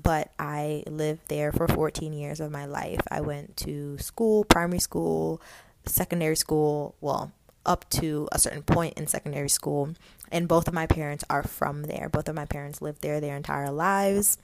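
A woman's voice: low-pitched, steady tone, normal speed, vocal fry. A young woman from Guyana with a light Guyanese accent, hosting a casual podcast and telling her own story in a chatty, candid way with lots of fillers. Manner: chatty, candid, laughs often, many fillers. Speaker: podcast host.

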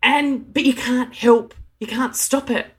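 A woman's voice: on the high side, steady tone, measured pace. An adult woman in a heartfelt monologue, earnest and emotional, often stopping and restarting her sentences. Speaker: speaker sharing her experience of anxiety. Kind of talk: heartfelt direct-to-camera monologue.

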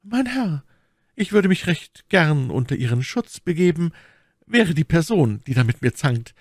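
A man's voice: fairly high pitch, sing-song, a little slow, no echo, clean studio sound, voice pushed up, full character voice. A man reading an audiobook, voicing a haughty English noblewoman in a raised, clipped voice. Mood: cool, proud.

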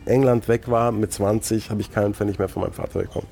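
A man's voice: on the low side, creaky, slight background noise. A man in his early forties, a guest telling stories in a casual chat, with many restarts. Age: 40s. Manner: fast, animated storytelling with many restarts.

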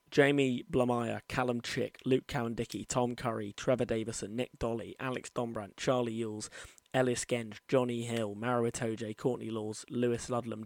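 A man's voice: medium pitch, gravelly, dry recording. A man hosting an informal solo sports podcast, giving his opinions with plenty of "you know", his speech slightly altered by wearing retainers. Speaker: podcast host.

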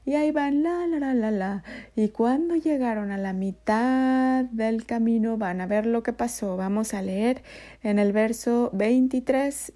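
A woman telling Bible stories to children in a gentle way, often dropping to a whisper. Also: on the high side. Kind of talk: storytelling for children.

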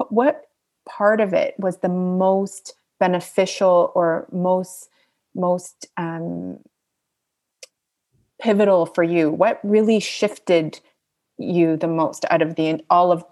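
A woman's voice: on the low side, takes it slowly, a little mellow. A woman with a Canadian accent hosting a podcast, asking curious questions and rephrasing them as she goes.

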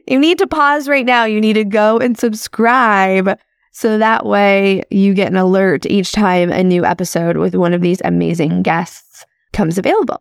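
A woman in her thirties hosts a podcast, chatting upbeat about personal reflections and sprinkling in lots of "like" and "crazy." Her mid-range voice is steady, a little slow, with vocal fry. The sound is clean studio audio with no echo.

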